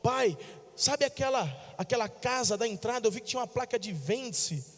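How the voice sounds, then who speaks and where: A man's voice: very high voice, lively intonation, a little fast. A man with a Brazilian accent voicing a grown daughter who pleads with her father, stammering and repeating herself, in a reverberant church hall. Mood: pleading.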